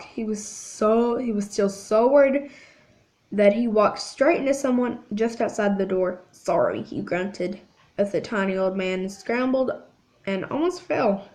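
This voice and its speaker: A woman hosting her channel, reading a book aloud in a halting way, often restarting lines. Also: fairly high pitch, a little mellow.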